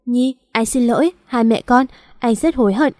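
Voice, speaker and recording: A woman's voice: fairly high pitch, moderate pace, dark tone, no echo, clean studio sound, lightly acted. A woman voicing a young male company director who is possessive and then remorseful, in a storybook reading. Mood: pleading. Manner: pleading, insistent.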